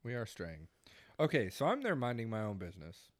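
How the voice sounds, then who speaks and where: A man's voice: fairly low pitch, huge pitch swings, brisk, dry recording, studio quality. Young man telling a crude story. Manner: crude, joking, laughs a lot. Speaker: podcast co-host. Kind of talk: casual chat, storytelling. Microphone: studio podcast mic.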